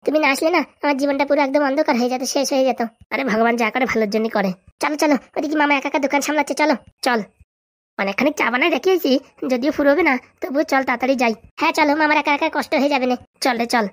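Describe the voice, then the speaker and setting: Fast-talking high-voiced woman. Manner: rapid bickering banter. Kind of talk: comic sketch dialogue.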